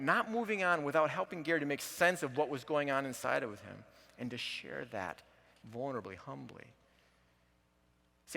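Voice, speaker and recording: A middle-aged man and marriage counselor teaching a lesson, telling a counseling story with earnest, animated quotes. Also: on the high side, vocal fry.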